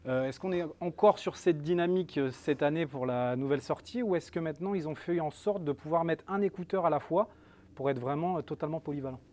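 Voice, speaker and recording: A man's voice: on the high side, brisk, a little mellow. A man hosting a live, casual product interview, asking informal, slightly rambling questions. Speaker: host and interviewer, store salesperson.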